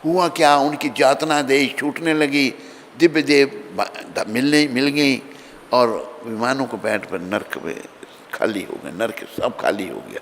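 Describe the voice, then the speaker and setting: A man delivering an earnest devotional sermon, his voice carrying a long reverb through a temple hall. He speaks at an ordinary pitch and now and then calls out to his listeners. A faint hum of background noise sits under him. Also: unhurried, fairly bright tone. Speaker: spiritual teacher. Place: temple hall during morning worship.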